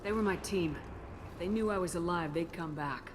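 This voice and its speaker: An actress playing a composed, fair-minded military commander in a video game, direct and controlled. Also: female voice, fairly low pitch, normal speed, background noise, lightly acted. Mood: firm, composed.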